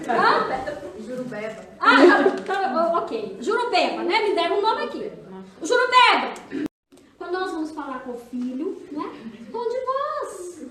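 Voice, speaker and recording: A woman's voice: very high-pitched, big pitch swings, unhurried, long pauses, over a noisy crowd. A Brazilian woman pastor leading a women's church seminar, chatty and teasing, often asking her listeners questions. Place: church hall. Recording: echoey hall, distant mic.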